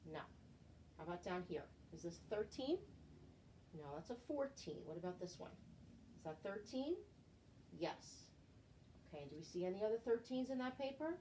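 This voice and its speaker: At a moderate pace with long pauses, a middle-aged woman speaks in a very animated, dark-toned, medium-pitched voice while teaching young children to count like a kids show host. She uses simple guiding questions and repeated key words, and this home recording from her living room carries clear background room noise.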